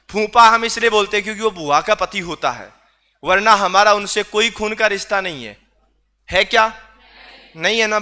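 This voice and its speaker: A man's voice: high-pitched, bright, forceful tone, clear, resonant tone. A man teaching a class, quizzing students with repeated questions and teasing asides. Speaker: reasoning teacher. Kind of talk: online class lecture.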